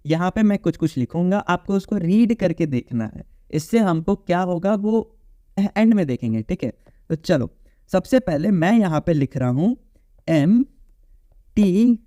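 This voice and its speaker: A man's voice: high-pitched, mellow, no echo, clean studio sound. A man teaching an online phonetics lecture in Hindi mixed with phrases, explaining patiently and asking the class questions. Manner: mixes English phrases into Hindi.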